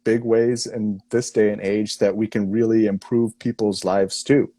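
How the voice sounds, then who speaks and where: Earnest low-voiced man from Singapore. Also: level tone, a little slow, warm tone, dry recording. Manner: thoughtful, earnest, self-deprecating. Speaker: interview guest. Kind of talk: casual interview conversation.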